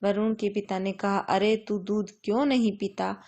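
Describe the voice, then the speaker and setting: A woman teacher giving a grammar lesson to young children, reading worksheet items aloud slowly and patiently, and asking questions that she then answers herself. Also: mid-range voice. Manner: reads worksheet items aloud in a steady, measured way.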